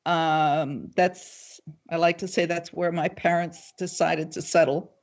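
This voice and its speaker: Slow, measured older woman. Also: lowish voice, steady tone. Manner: measured and thoughtful, with many pauses and ums. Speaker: guest, local party committee chair. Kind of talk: casual livestream interview.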